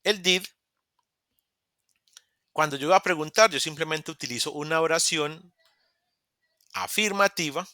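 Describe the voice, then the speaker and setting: A man's voice: a little high, unhurried, pauses often, bright, forceful tone, no room sound, studio quality. A man teaching English grammar in an online class, patiently repeating examples and acting out short dialogues. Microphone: computer mic in a video call.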